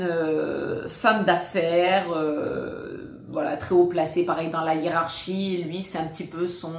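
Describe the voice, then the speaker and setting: A woman casually recommending films she likes, hesitant and full of filler pauses but enthusiastic. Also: mid-range voice, roomy sound, slight background noise. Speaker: film recommender. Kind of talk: casual spoken film recommendations.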